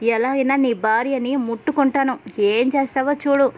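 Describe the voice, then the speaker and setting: A woman's voice: high-pitched, fairly even intonation, fairly quick, darkish tone, a little hiss or hum, lightly acted. Woman reading a bullying male police officer. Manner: scolding, threatening.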